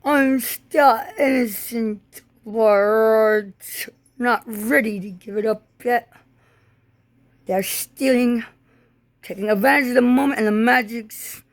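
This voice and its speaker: High voiced woman rambling on, slow n halting, disjointed phrases that drift off. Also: no echo. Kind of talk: rambling spoken monologue.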